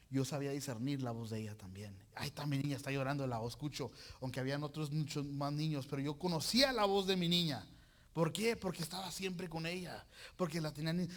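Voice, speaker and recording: A male preacher delivers a sermon, animated and playful, full of casual slang and jokes. His voice sits a bit high for a man, and his delivery is lively and direct. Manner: animated, joking, uses colloquial slang.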